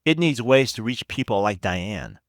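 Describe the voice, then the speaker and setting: A man hosting a podcast, giving scripted investigative narration in a measured, reflective way with deliberate emphasis. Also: on the low side, lively intonation, dry recording. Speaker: podcast host.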